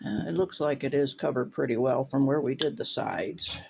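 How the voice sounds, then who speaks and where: Gravelly and mid-range, this man's voice carries at normal speed over a little hiss or hum while he demonstrates glasswork. He's a stained glass instructor from Northwest Ohio, relaxed and thinking aloud in a casual workshop session at his home studio, windows open, his voice briefly faltering with a runny nose.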